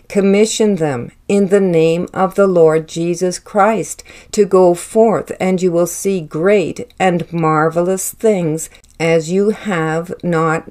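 A woman delivering a prophetic word in a slow, measured and solemn manner, speaking in the first person as the Lord and then explaining it. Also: fairly low pitch, darkish tone.

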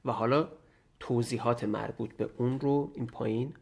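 A man recording a casual screen tutorial, thinking aloud and dictating in slow, halting bits as he types. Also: mid-range voice, steady tone, vocal fry, darkish tone, husky. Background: keyboard typing and mouse clicks.

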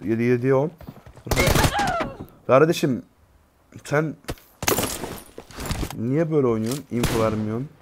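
An exasperated man commentates his mobile game live, swearing oaths and talking straight to his viewers. His voice sits at a mid pitch. Game gunfire crackles clearly in the background. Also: measured pace, pauses often. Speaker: gaming streamer.

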